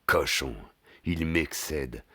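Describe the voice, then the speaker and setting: A man narrating a literary audiobook with a lively, theatrical delivery and slangy asides. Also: very deep voice, drawn-out words, slightly rough, dry recording, studio quality.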